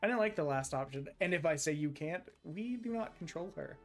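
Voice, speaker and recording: Excitable high-voiced male gamer. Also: brisk, faint music behind. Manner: excitable, swears, laughs often. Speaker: streamer. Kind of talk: casual live gameplay chat.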